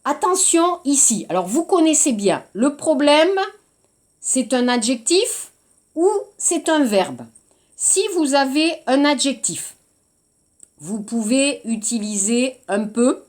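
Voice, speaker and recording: A woman gives a recorded French lesson in a fairly high voice. She speaks slowly and deliberately, repeating each point and example so students can follow along. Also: animated. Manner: slow, deliberate explaining with frequent repetition. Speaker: French teacher.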